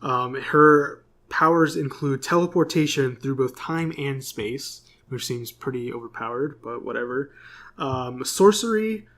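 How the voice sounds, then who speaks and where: A man's voice: medium pitch, measured pace, a bit bright. A man co-hosting a podcast, casually reading through corrections with plenty of fillers. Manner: reads corrections from notes, many fillers. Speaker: podcast co-host. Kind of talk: casual chat.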